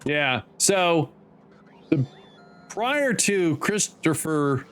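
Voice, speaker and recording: A man streaming a game, giving casual commentary, thinking aloud and rambling with many fillers and pauses. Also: fairly high pitch, big pitch swings, a bit bright, clean tone.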